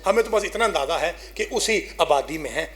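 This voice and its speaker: Man, zakir, high voice, emotional mourning recitation, loud cries to hushed whispers. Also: expressive. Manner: addresses the audience directly, urging them to weep.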